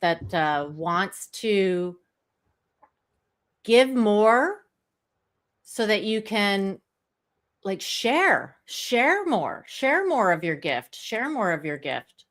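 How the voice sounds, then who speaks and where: A woman's voice: mid-range voice, big pitch swings, extremely slow, pauses often, fairly bright tone. A woman hosting a motivational live stream in a chatty, conversational style.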